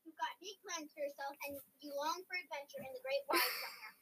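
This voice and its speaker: A woman's voice: high-pitched, fast talker. A young girl co-hosting a casual podcast, chatting and reading quizzes aloud into a laptop mic. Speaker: podcast co-host. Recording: noisy laptop-style mic with clicks.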